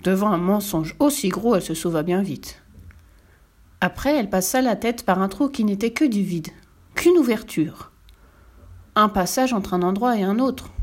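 A woman narrating a children's storybook aloud in an expressive, lively reading style. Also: mid-range voice.

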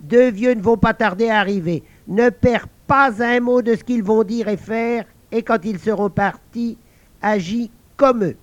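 A man voicing a magical female frog who calmly guides a soldier in a storybook tale. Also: sits high, a little slow, voice pushed up. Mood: coaxing. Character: magical helpful female frog, calm and encouraging. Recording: dull lo-fi dry recording.

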